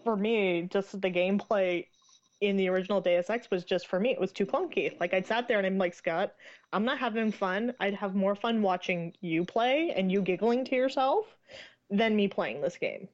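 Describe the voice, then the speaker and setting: A woman's voice: medium pitch, normal speed. A woman in her late twenties, chatting casually as a podcast co-host and laughing often. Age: 20s. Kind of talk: casual chat. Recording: dull lo-fi recording.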